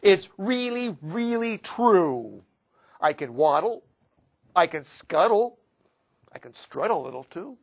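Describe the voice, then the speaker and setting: A man voicing a sly male fox who insists loudly and boastfully that he is a duck, in a storybook reading. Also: high-pitched, sing-song, takes it slowly, voice pushed up, heavily acted.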